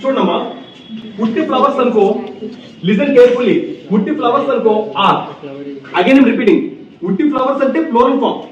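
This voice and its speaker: A man's voice: very high voice, normal speed, pauses often. A male English grammar teacher in a classroom, repeating key points and firing questions at his students. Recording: echoey, distant, dull classroom recording.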